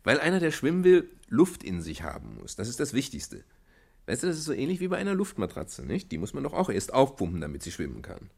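An actor playing a good-humored father in a children's radio play, patient and gently teasing, often chuckling as he explains things to his little girl. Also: medium pitch, wildly swooping pitch, fast, vocal fry, full character voice. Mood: patient teaching.

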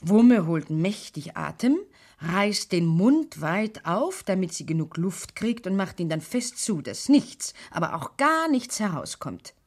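A woman narrating a children's radio play in a calm, clear storytelling manner. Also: fairly low pitch, measured pace.

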